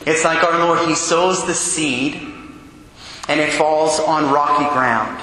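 A man, a priest, reads the gospel and preaches a sermon in a large church, in a measured, solemn way, and his voice rings with cathedral echo. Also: a little high, bright, forceful tone. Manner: measured, solemn reading that turns earnest and quick in the homily. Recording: cathedral echo with long reverb, faint hum.

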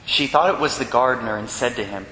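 Priest preaching in a cathedral echo. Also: male voice, sharp tone. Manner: measured, earnest preaching with pauses. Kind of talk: gospel reading and homily. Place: large church. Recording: echoey church hall with faint rumble.

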